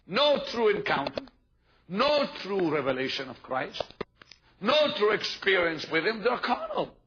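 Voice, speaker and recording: A high-pitched man preaches with insistent repetition, pressing his listeners to answer him. The recording is muffled and dull, with a steady hiss of noise beneath his voice. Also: a little slow. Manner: emphatic, repeats key points, asks the congregation to respond. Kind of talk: sermon. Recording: dull, noisy live sermon recording.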